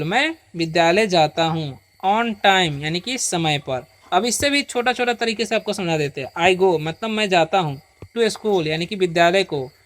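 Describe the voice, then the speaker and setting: A patient teacher giving a beginner reading lesson. The teacher reads English words slowly, one at a time, for the listener to repeat, and keeps checking that the listener follows. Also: medium pitch, a bit bright.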